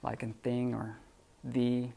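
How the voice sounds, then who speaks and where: A man teaching a classroom lesson off the cuff, halting with many fillers and restarts. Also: medium pitch, completely flat delivery, vocal fry, dark tone. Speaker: Greek teacher.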